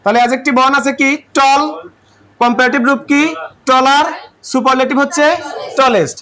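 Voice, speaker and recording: A man's voice: very high voice, fairly even intonation, moderate pace, sharp tone, slight background noise. A man with a Bangladeshi accent teaching English grammar to a class, asking questions and repeating the answers.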